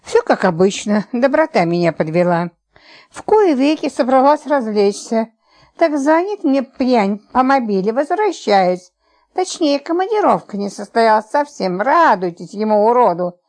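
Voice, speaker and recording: A brash, scolding neighbor wife , played by a woman reader, loud and coarse. Her voice rides high, and she drawls some words for effect. It is storybook comedy acting. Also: big pitch swings, a little slow. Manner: brassy, scolding.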